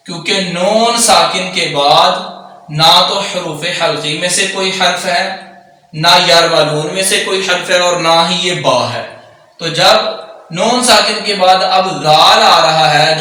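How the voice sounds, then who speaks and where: A man teaches Quran recitation, switching between quick explanations and slow, drawn-out recitation. His voice is high and bright. It sounds very echoey, picked up from a distance. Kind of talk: tajweed lesson, explaining and reciting slowly. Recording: very echoey room, distant mic.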